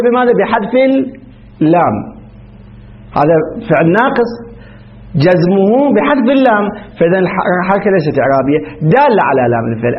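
A man teaching a classical grammar lesson, explaining step by step and quizzing his students with questions. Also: high voice. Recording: dull lo-fi recording.

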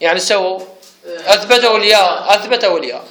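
Bright high-voiced teacher, echoey room. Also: male voice, quick pace. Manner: explanatory, quizzes his students. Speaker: teacher of Arabic grammar. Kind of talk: classroom lecture. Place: classroom with students.

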